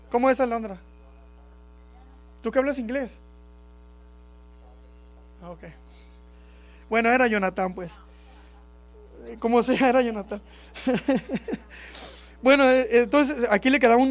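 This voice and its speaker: Brief: male church teacher with a high voice, casual and conversational, reading verses to a congregation and checking in with them often. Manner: keeps checking in with listeners, asking "right?"; reads scripture aloud and then comments on it. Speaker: Bible study teacher. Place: church in California.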